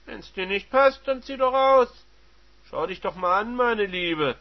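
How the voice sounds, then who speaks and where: A man voicing a callous, contemptuous manager husband who sneers and provokes loudly, on a dull lo-fi recording. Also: high voice, expressive, unhurried, voice pushed up.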